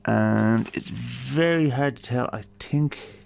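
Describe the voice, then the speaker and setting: Slow and gravelly, with a medium pitch and a somewhat dark tone, an Irish man hosts a radio repair video from his garage. He chats casually about the hands-on fix, reasoning aloud with wry understatement, captured on a handheld phone.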